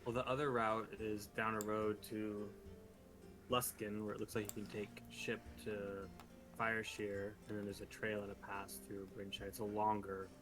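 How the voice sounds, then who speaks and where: Measured low-voiced man, music behind. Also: flat delivery. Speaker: player. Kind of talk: tabletop game chat.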